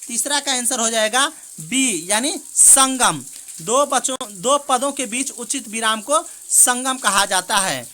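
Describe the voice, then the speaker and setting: Woman, exam prep teacher, quick quiz reading, bright voice, fairly high, rain behind. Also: lively intonation. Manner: quick, repeats "theek hai doston" often. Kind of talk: reading out mock test questions and answers. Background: rain heard in the background.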